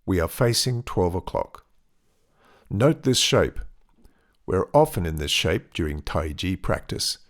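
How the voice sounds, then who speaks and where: A man giving step-by-step tai chi instruction in measured, deliberate phrases with pauses between cues. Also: low voice.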